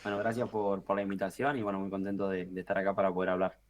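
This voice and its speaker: A man in his twenties with a Rioplatense Argentine accent, a podcast guest who talks through marketing ideas in a relaxed way, thinking aloud with fillers and restarts. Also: deep voice, very fast. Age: 20s. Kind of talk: podcast interview.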